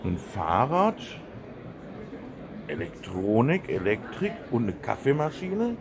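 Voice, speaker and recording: In a busy exhibition hall, a man hosts a casual interview at a trade fair, chatty and friendly and agreeing often. His mid-range voice swings widely in pitch and moves at a slow pace, with background noise around him.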